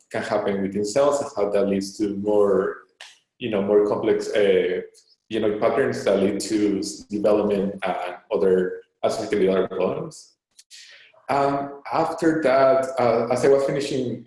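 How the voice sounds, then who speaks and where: Fairly low and darkish, this man's voice comes from a Peruvian co-founder of a startup, in his thirties, taking questions in an online interview. He halts often, filling gaps and restarting, while the very echoey room rings around him.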